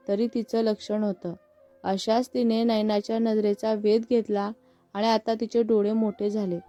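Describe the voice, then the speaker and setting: A woman storyteller giving a steady, expressive scripted reading of a story. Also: a little high. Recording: muffled with faint background music.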